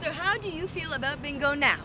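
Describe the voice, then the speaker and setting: A woman's voice: high voice, brisk. A woman co-hosting a TV bingo show, doing upbeat interviews on location with street noise around her. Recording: clear outdoor traffic noise.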